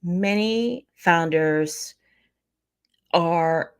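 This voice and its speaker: A woman's voice: fairly low pitch, extremely slow, clear, resonant tone, no room sound, studio quality. A woman from Pennsylvania, a thought leadership coach, speaking as an upbeat interview guest who often repeats words as she goes. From Pennsylvania, USA. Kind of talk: conversational interview.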